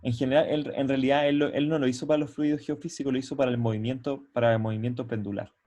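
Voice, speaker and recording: A man's voice: medium pitch, level tone, warm tone. Male lecturer teaching over a video call. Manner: explanatory, often checks in with "¿ya?"; halting, with frequent restarts. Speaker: university lecturer. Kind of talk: online university lecture. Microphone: computer mic on a video call.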